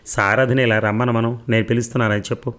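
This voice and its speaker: A man's voice: medium pitch, flat delivery, quick pace, a bit bright, close to an everyday voice. Brief: man reading as a scolding ailing mother, exasperated, audiobook. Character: stern ailing middle-aged mother, scolding.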